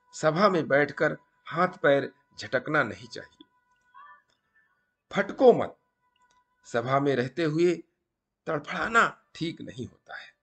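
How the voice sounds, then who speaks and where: A man from India hosting his channel and narrating a motivational story with measured, earnest emphasis. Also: on the high side, fairly bright tone.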